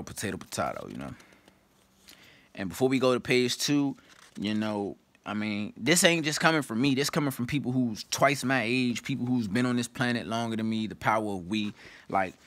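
A man's voice: medium pitch, normal speed, a bit bright, dry recording. A young man in casual vlog talk, loose and slangy, sometimes reading a book aloud with asides. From Washington, D.C. area. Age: young adult.

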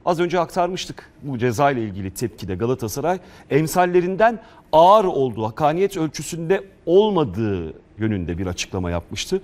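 A man's voice: on the high side, a little mellow. Male sports news presenter. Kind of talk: live sports news presenting, reading press reports.

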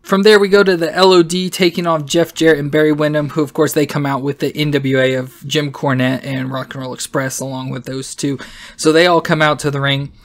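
A man's voice: fairly high pitch, fairly even intonation, brisk. A man hosting a podcast, recapping an old wrestling show in a rambling, casual way with many fillers and self-corrections. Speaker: podcast host.

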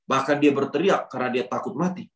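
A man's voice: medium pitch, quick pace. A man giving a conversational Bible teaching to a youth group, often asking rhetorical questions. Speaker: youth ministry speaker. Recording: roomy echo.

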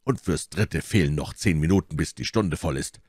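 A man reading aloud voices a calm, cool-headed musketeer who speaks quietly and indifferently. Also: very deep voice, normal speed, slightly rough, no room sound, studio quality.

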